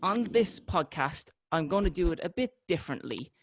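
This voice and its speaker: A man's voice: fairly high pitch, animated, moderate pace, a little hiss or hum. A man hosting a casual podcast, an eager interviewer who laughs easily. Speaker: podcast host.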